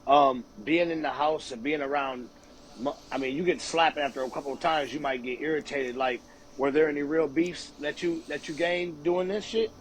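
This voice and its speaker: A man's voice: a little high, moderate pace, slight background noise, poor audio. A man hosting a casual podcast chat, talking in a loose, slangy way peppered with swearing. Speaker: podcast host, interviewer.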